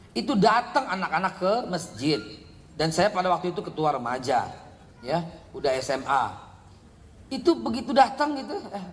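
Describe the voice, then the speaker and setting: Middle-aged man, preacher, high-pitched, animated sermon, quiet asides and loud outbursts, long hall reverb. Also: a little hiss or hum. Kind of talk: parenting sermon to a congregation.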